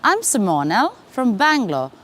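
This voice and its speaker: A woman's voice: on the high side, huge pitch swings, normal speed, a bit bright, slight background noise. A young woman from India speaking in a prepared video testimonial about her studies. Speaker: student giving a testimonial.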